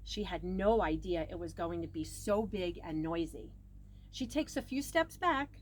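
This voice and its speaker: A woman whose voice sits on the low side reads a children's picture book at a measured pace, expressive throughout, with emphasized words and changing volume. Background noise comes through clearly.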